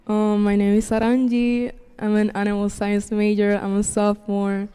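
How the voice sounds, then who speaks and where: A woman's voice: mid-range voice, monotone, moderate pace, mellow, clean tone. A young woman from Puerto Rico, a sophomore student, introducing herself briefly and matter-of-factly. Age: young adult. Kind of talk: classroom self-introduction. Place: large lecture hall. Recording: reverberant lecture hall.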